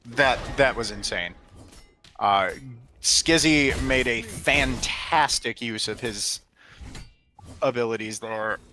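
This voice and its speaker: A man giving analytical esports commentary in a measured, halting way, often repeating the start of his phrases. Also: medium pitch, bright, forceful tone, slight background noise.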